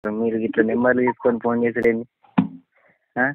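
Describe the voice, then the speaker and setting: A man with a Telangana Telugu accent speaks briskly in a completely flat, medium-pitched voice while receiving a friend's prank call. Casual but blunt and distrustful, he keeps asking questions, heard through a tinny, dry, band-limited phone connection.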